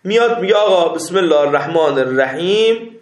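A man teaching a seminary class, reading Arabic text slowly and explaining it step by step, often checking that his students follow. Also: fairly high pitch, lively intonation, reverberant. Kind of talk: classroom lecture on Islamic jurisprudence.

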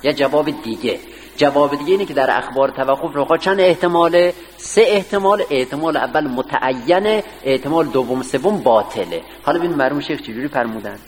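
A man teaches a seminary class, reading through a text phrase by phrase and throwing questions back at his students. His voice sits at a middle pitch and carries a long reverb, as if recorded across a large hall. A faint hiss runs underneath. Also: lively intonation. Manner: explains line by line, quizzes students with questions.

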